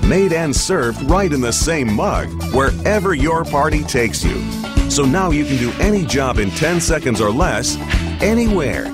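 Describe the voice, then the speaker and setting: Animated male infomercial announcer over music. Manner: emphatic hard-sell infomercial pitch. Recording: music bed under the voice.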